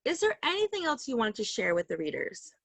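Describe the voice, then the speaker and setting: A woman's voice: on the high side, huge pitch swings, fairly quick, vocal fry, a bit bright, no echo. A woman hosting a podcast over a call, talking in a chatty, rambling way and laughing often. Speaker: podcast host. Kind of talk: casual interview chat. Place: home call. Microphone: video call.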